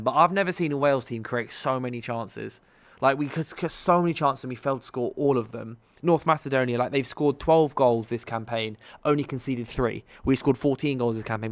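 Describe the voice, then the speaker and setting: Casual sports talk fills this live stream as a London podcast co-host, his voice mid-range, natters on and addresses the viewers. He's chatty and rambling, often restarting, and there's no room sound.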